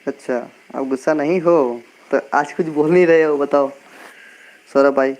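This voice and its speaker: A man's voice: fairly high pitch, fairly even intonation, normal speed, a little mellow, poor audio. A man hosting a live stream, chatting casually with viewers and teasing them by name. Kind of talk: casual live chat reading comments. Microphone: earphone mic.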